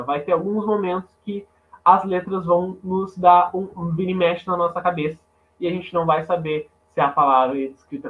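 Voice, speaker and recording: Animated teacher on a tinny line. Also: male voice, on the high side. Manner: animated, asks the class rhetorical questions. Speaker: Portuguese teacher. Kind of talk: online class lecture. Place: home, online class. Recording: tinny phone-like audio.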